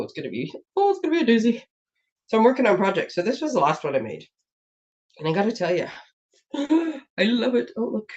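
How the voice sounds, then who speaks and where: A woman hosting a casual craft live stream from her home desk, rambling and laughing often, a bit congested from a sinus infection. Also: fairly low pitch. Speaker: host of a papercraft live stream. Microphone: webcam setup. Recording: dull lo-fi stream audio.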